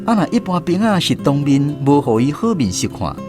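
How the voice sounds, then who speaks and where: Playing a former soldier who narrates his barracks memories, a man with a Taiwanese accent speaks briskly and very animatedly in a voice on the high side. The mood of this radio drama storytelling is wry and reflective, and music plays under his voice.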